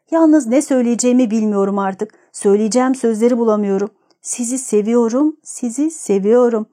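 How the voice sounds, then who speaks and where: Audiobook: woman reading an anguished young lover, pleading, mellow tone. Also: on the high side, close to an everyday voice. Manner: urgent, pleading delivery. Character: young man, lovesick, desperate and pleading.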